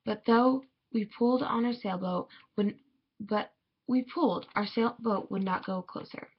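A woman reading a children's picture book aloud in a measured, expressive way. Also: mid-range voice, husky. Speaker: storybook reader. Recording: dull lo-fi recording.

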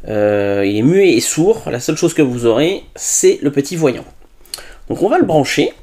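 A man's voice: mid-range voice, sing-song, normal speed, mellow. A man doing a chatty product unboxing as a tech reviewer, tossing in little interjections and hesitations as he goes. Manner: chatty, with frequent "hop" and hesitations.

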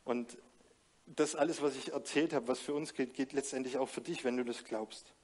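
A man's voice: mid-range voice, steady tone, moderate pace, darkish tone. Male preacher, earnest and direct, mid-range voice, questions the congregation. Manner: earnest, direct address with frequent rhetorical questions and restarts. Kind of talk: sermon with closing prayer.

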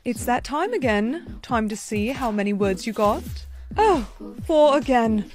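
A woman's voice: a little high, expressive, a little slow, music in the background. A woman playing a falsely sweet stepmother. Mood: mock-sweet. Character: sugary cruel stepmother.

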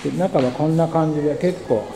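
A man talks casually as he explores a small rural station, musing aloud and working things out as he goes. His voice sits a little on the high side. The camera mic picks up clear outdoor noise with birds and passing vehicles. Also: a little fast. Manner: muses aloud, thinking as he goes. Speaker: travel vlogger. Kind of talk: casual travel vlog narration. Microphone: handheld camera mic. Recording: outdoor ambience with birds and traffic.

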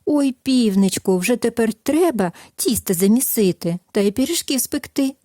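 A woman voicing two lazy, playful little mice in a children's storybook, with a cheeky, squeaky manner. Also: lively intonation, moderate pace, dark tone, no room sound, studio quality, natural voice. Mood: eager.

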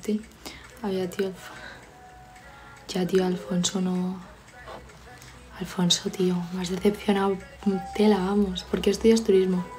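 A woman's voice: mid-range voice, little pitch movement, moderate pace, long pauses, warm tone. Young Spanish woman streamer, casual and playful, mid-range voice, faint music underneath. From Spain. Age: young adult. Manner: chatty, teasing, reads viewer comments aloud. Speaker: livestreamer. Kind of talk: casual live chat reading comments. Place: home, studying.

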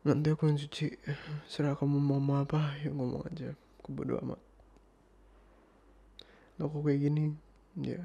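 A man's voice: on the high side, level tone, normal speed, gravelly, long pauses, husky. A man playing an irritated young boyfriend in an ASMR role-play, arguing insistently and sometimes dropping to a whisper. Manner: exasperated, insistent, slipping into soft whispers.

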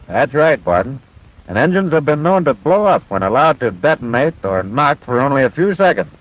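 In the style of a 1940s military training film, a man plays a patient, confident instructor pilot explaining the cockpit controls in a clear, methodical, instructive way. His mid-range voice is very animated and natural at a moderate pace. The low-quality audio sounds like a vintage film soundtrack.

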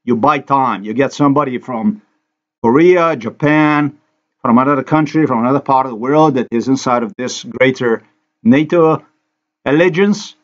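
A man's voice: medium pitch, normal speed, highs cut off. A man from Slovenia, a native Slovenian speaker, giving an angry, accusatory, repetitive monologue over a screen recording.

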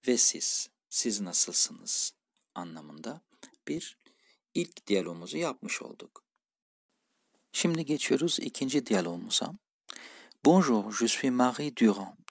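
A low, gravelly male voice walks through a language lesson at an even, patient pace. He reads each dialogue line out and then translates and explains it. The sound is dry and close, with no room around it. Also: no echo. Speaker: French teacher.

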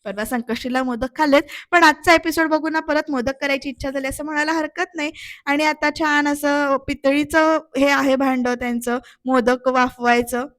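A woman's voice: high voice, steady tone, normal speed, fairly bright tone, no echo. A woman with a Marathi accent, chatting to viewers in a voice-over recap of a TV serial, retelling the characters' lines. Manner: chatty, addresses viewers directly, retells dialogue with light acting. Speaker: serial episode reviewer.

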